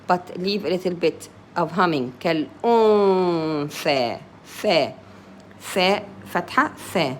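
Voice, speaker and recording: A woman teaching Quran reading speaks slowly in a voice on the low side yet a bit bright, with slight background noise. Going letter by letter, she pronounces each Arabic letter and vowel mark, then explains it in simple English.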